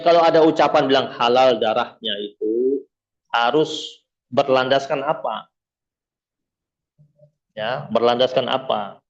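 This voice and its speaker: A man's voice: mid-range voice, highs cut off. A man preaching, telling stories and acting out quoted voices. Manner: lively storytelling, acts out quoted voices. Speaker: Islamic preacher. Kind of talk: casual Jakarta-style sermon.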